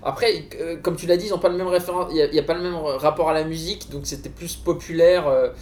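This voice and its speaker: Male guest on a casual discussion show, fairly high voice, keen explainer, roomy echo. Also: fairly even intonation, fast talker, darkish tone. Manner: enthusiastic, explanatory. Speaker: guest author on a football and music show. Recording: roomy echo, faint background noise.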